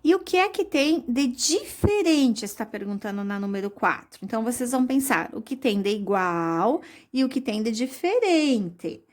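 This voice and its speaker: A woman teaching young children a recorded lesson, explaining slowly and patiently, with many diminutives. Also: on the high side, lively intonation. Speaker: primary school teacher.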